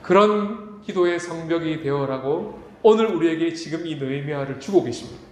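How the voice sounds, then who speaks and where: Korean pastor preaching with dramatic swings. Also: male voice, lively intonation, moderate pace, a little mellow, slight background noise. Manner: dramatic preaching, acts out quoted voices with big pitch swings. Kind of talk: sermon. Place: church sanctuary. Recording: echoey church room, faint ambience.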